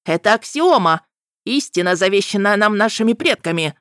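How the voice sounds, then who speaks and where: A woman's voice: medium pitch, expressive, normal speed, a bit bright, dry recording, studio quality, close to an everyday voice. A woman voicing a pompous, self-important old male healer who shrieks indignantly in an audiobook.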